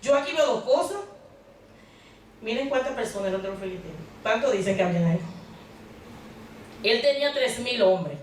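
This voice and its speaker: A woman's voice: fairly high pitch, animated, normal speed, pauses often, slight background noise. A woman preaching a sermon in a church, talking conversationally and putting questions to the congregation. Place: church hall. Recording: very echoey hall, mic far off.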